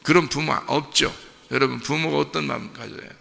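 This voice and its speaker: A man's voice: a little high, fairly even intonation, brisk, creaky, sharp tone. A male pastor giving a sermon, talking with the congregation and firing rhetorical questions at them. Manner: conversational preaching with many rhetorical questions to the congregation; acts out a parent's voice in quotes. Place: church sanctuary. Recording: long reverb of a church hall.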